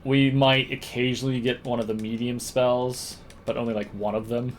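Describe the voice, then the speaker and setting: A video game streamer and speedrunner offers casual commentary, thinking out loud and sometimes humming small nonsense tunes. His medium-pitched voice is level and moderately paced, with game music and slight noise behind him.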